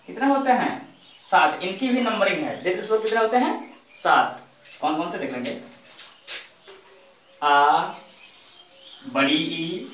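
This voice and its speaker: A man's voice: high voice, a bit bright, roomy sound, far from the mic, a little hiss or hum. A male teacher giving a grammar lesson, patiently asking his own questions and answering them.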